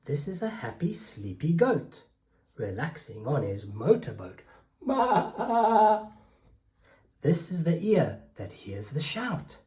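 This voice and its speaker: A woman reading a picture book aloud to children as the storyteller, animated and expressive, with dramatic gasps. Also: very deep voice, a little slow.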